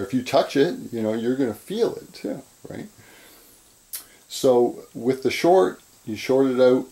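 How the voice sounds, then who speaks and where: A man teaches in an informal lecture style. His voice is soft-edged and mellow, at a middling pitch. He goes a little slowly and haltingly, circling back over phrases and checking in as he explains. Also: rough recording. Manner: halting, repetitive, checks in with "right?". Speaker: instructor. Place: indoors at a chalkboard.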